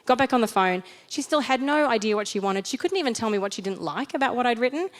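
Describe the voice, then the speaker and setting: A woman's voice: a little high, expressive, fast. A woman with an Australian accent giving a conversational sermon, telling a personal story in a chatty, self-deprecating way. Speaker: church speaker.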